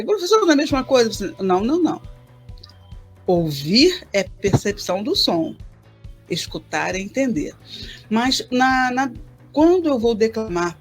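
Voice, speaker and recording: A woman's voice: mid-range voice, breathy edge. A woman, a poet and teacher, answering interview questions thoughtfully and repeating words as she finds them.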